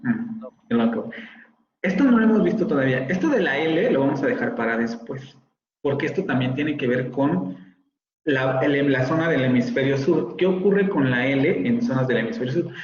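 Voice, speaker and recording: A man's voice: medium pitch, animated, moderate pace, slight background noise. Man, phonetics teacher, patient explaining, sounds out examples, roomy, slightly dull call audio. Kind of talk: online lecture.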